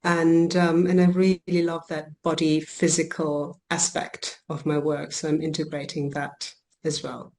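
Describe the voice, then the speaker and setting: Woman from germany, fairly low voice, thinks aloud with lots of ums, podcast guest. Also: little pitch movement, unhurried, a little mellow, a little hiss or hum. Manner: reflective, many ums and restarts. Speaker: coach and healer guest. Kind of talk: podcast interview.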